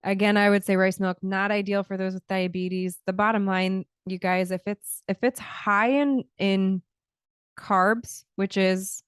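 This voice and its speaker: A woman who grew up in Scotland in early childhood hosts a casual solo podcast from a small indoor home studio, speaking close to a large studio mic. Her smooth, mid-range voice stays steady at a measured pace with no room sound, and her conversational explanations are full of restarts and fillers.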